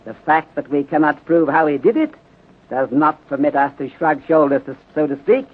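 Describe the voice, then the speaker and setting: In the manner of a 1930s radio drama, a man voices a polite, methodical Chinese detective inspector, speaking formally in clipped phrases with deliberate pauses and missing articles. His voice sits slightly high, near an everyday register, and he sounds insistent and deliberate. The recording is muffled and narrow-band, like 1930s radio.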